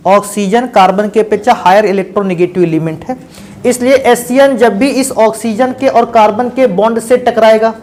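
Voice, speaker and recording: A man's voice: high voice, normal speed, a little mellow. A man teaching chemistry in a lecture. He calls his students beta and bhaiya and keeps asking questions and answering them himself. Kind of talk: classroom lecture.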